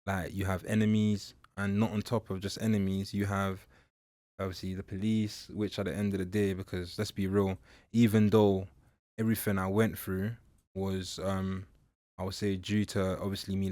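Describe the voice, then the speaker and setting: Telling his story in a candid personal interview, a young man born in Nigeria who mentors and speaks publicly pauses often, reflective and full of fillers. His low-pitched delivery is flat with a darkish tone, in a dry recording.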